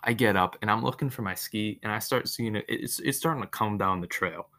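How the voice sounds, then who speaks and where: A young man hosting a podcast on his own, telling a story in a monotone, casual way with faint guitar music behind. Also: fairly low pitch, brisk. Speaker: podcast host.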